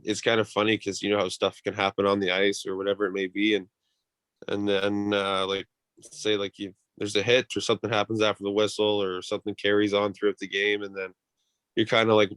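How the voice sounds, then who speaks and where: A man's voice: fairly low pitch, fairly bright tone, dry recording. A man who plays professional hockey, answering interview questions in a casual, rambling, laid-back way. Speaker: professional ice hockey player being interviewed.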